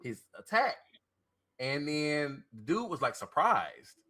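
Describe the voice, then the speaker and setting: Animated, bright-voiced male podcast co-host. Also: a little high, takes it slowly, breathy edge. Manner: animated, repeats himself, laughs a lot. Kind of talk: casual chat.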